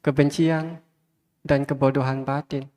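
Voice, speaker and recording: A man's voice: mid-range voice, little pitch movement, a little slow, a little mellow. A man, a Buddhist monk, giving a sermon with repeated, emphatic phrases and speaking straight to his listeners. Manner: repetitive emphatic preaching, addresses listeners directly. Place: large hall with many fans. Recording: long hall reverb.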